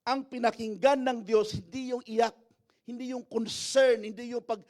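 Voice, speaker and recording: A male pastor preaching a sermon. He calls to the congregation for amens and moves between soft asides and loud, emphatic lines. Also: very high-pitched, fairly even intonation, moderate pace.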